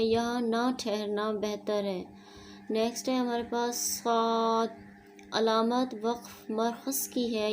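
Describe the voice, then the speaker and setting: Woman Quran teacher in a steady, monotone delivery. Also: on the high side, slight background noise. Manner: steady explanatory teaching, mixing in English words. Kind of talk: online lesson.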